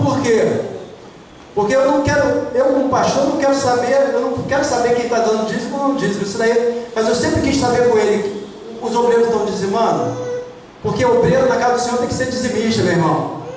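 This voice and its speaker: Brazilian pastor guy preaching, really high voice, sounds far off in a big echoey church. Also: slight background noise. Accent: Brazilian Portuguese. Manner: emphatic preaching, repeats key points, questions the congregation. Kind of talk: sermon. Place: church hall.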